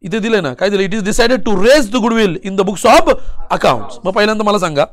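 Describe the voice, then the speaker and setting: A man teaching commerce with a Marathi accent and a fairly high voice. He drills his students with rapid-fire questions, supplies the answers himself, and keeps pushing them to answer louder. He reads the problem text out slowly and mixes Marathi with English. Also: animated. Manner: urges students to answer loudly; switches between Marathi and English. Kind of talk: classroom accounting lesson.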